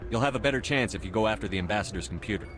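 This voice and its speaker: A man acts a resolute starship commander from a sci-fi video game. His voice is low and he talks tersely and directly, like a plain-spoken soldier. Music runs clearly behind him. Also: very fast, close to an everyday voice. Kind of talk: video game dialogue acting.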